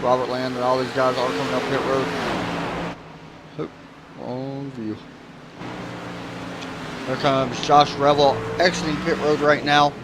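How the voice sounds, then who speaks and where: A man hosts his own stream with laid-back, joking sim-racing commentary, sometimes chewing as he talks. His voice is mid-range and level, at a measured pace with frequent pauses, and background noise is clearly audible.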